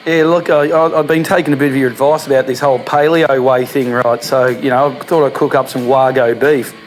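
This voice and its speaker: An Australian man hosts a comic cooking show from his home kitchen, talking in a relaxed, slangy way with lots of fillers. His voice sits at an ordinary middle pitch. Faint music and the clatter of dishes play behind him. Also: brisk. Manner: laid-back and slangy, with many fillers.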